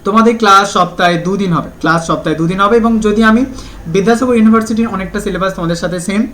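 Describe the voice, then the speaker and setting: ধীরে ইংরেজি পড়ে বাংলায় বোঝানো শিক্ষক. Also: male voice, sits high, fairly bright tone. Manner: explains in Bengali, reads English syllabus slowly, often asks "ঠিক আছে?". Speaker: teacher. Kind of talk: online class lecture.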